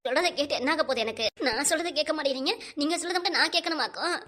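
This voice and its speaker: A high, bright, very fast-talking old grandmother in a cartoon, voiced by a woman, crying as she heaps reproaches on her husband. She speaks a southern Tamil Nadu dialect, and her voice stays sharp and quick throughout. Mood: tearful scolding. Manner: rapid, reproachful scolding. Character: upset old grandmother, wife over sixty. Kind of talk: cartoon voice acting.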